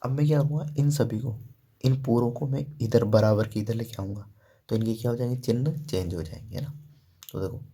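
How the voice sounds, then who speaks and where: A man's voice: medium pitch, brisk, warm tone, slightly rough. A man teaching a math lesson step by step, asking questions and answering them himself, with frequent "ठीक है" and "देखो".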